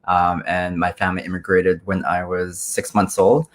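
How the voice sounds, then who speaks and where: Low-voiced man, hesitant interview guest. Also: flat delivery, normal speed. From Canada. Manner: hesitant, many ums and self-corrections. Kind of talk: casual interview.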